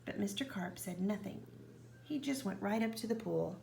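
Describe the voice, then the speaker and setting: A woman reading a children's picture book aloud, with expressive narration that often drops to a whisper. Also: mid-range voice, moderate pace, vocal fry, a little hiss or hum. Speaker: reader.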